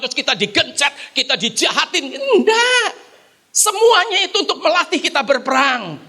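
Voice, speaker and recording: A man preaching a sermon in church as pastor, animated and speaking straight to his congregation. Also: extremely high pitch. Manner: animated preaching, often addresses the congregation as "brothers and sisters"; calls the congregation to applaud. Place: church service on site.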